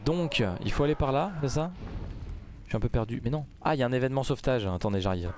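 Excitable French-speaking gaming man, lively voice. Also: mid-range voice, quick pace, a little hiss or hum. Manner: excitable, swings from mumbling to outbursts. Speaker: gaming YouTuber. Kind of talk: let's play commentary.

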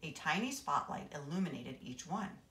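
Brief: school administrator reading aloud, low lively voice, echoey room. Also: female voice, normal speed. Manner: expressive, animated reading. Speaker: assistant principal reading aloud. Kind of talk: reading a children's novel aloud. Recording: roomy echo.

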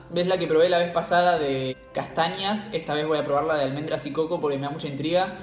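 A man's voice: on the high side, reverberant. A man with an Argentine accent hosting a casual tasting vlog, chatty and slangy, laughing often. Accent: Argentine Spanish. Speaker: cooking channel host.

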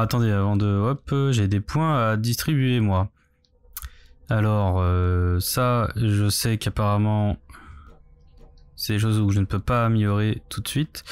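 A man's voice: fairly low pitch, clean tone. Man casually narrating his video game. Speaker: game streamer. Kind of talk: casual let's play commentary, thinking aloud.

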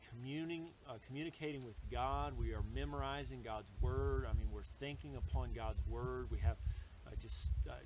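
A man preaching a sermon in a halting way, with many fillers and restarts. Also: mid-range voice, slight background noise. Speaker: pastor.

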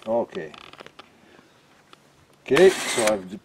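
A man's voice: lowish voice, sing-song, extremely slow, noisy background. A man giving a plain, step-by-step how-to demonstration, narrating each task as he works on a cart in a workshop. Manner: plain, step-by-step, narrating his own actions. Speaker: cart builder demonstrating an install.

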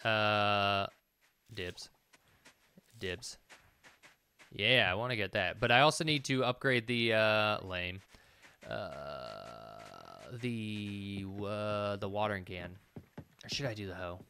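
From a small indoor room at home, a man in his thirties hosts a gaming video, giving casual let's play commentary while muttering and swearing offhandedly. His animated, gravelly voice is on the low side, pushed and bright, slow and often paused, with game music and slight background noise.

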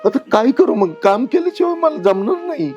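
A man playing an aging village father who speaks in a gentle, consoling, rustic way. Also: very high voice, big pitch swings, brisk, highs cut off, soft background music. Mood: weary. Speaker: actor. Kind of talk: short-film acting.

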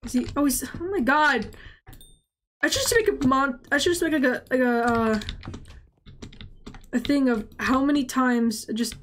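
Talking to herself in a rambling, stammering way, this woman hosts a gaming channel and offers casual commentary on play. Her high voice sounds congested and nasal, moving at normal speed with frequent pauses over a slight hiss or hum.

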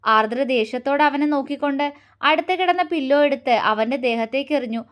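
A woman narrating a romantic audio story in a calm, even reading voice. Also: high-pitched, brisk.

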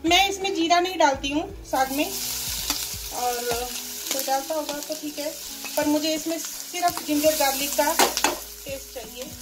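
With music playing in the background and a very noisy recording, a woman explains a recipe step by step from her home. She's a cooking vlogger with a high-pitched voice, speaking casually at a measured pace.

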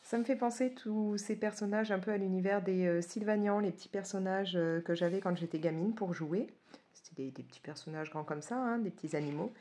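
With a mid-range, mellow voice that runs a little fast, a French woman in her forties chats and gushes while flipping through coloring books, hesitating frequently. A little hiss or hum sits under the recording.

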